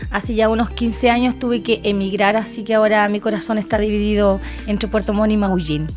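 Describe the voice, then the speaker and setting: A woman in her fifties answers podcast questions as a guest, taking her time and pausing to think. Her voice has an average female pitch, and soft music plays faintly beneath her. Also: steady tone. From Chile. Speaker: religion teacher, guest. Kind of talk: casual podcast interview.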